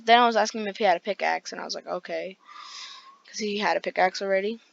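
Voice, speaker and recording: A woman's voice: medium pitch, fast talker, gravelly, muffled recording. A woman with a groggy voice, rambling through casual gameplay commentary with lots of fillers. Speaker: gaming video creator.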